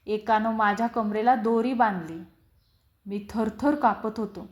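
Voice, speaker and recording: A woman reads a story aloud with a high voice and an unhurried, expressive delivery. The recording has a roomy echo around her. She shifts her tone to act out the story. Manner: slow, expressive, acts out quoted lines. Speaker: story reader.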